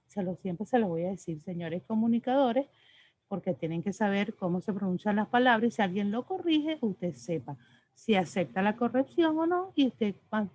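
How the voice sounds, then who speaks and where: A woman's voice: medium pitch, a little mellow, slight background noise. A woman teacher explaining spelling and pronunciation rules to her class, patient and explanatory, often checking in with "ok?". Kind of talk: online class lecture. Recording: slightly dull lo-fi audio.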